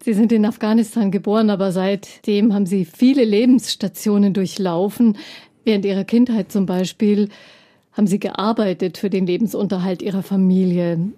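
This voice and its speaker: A woman hosting a podcast, reading a scripted intro and then interviewing her guest in a measured, articulate way. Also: mid-range voice, dry recording. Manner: measured, articulate, even-paced. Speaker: podcast host.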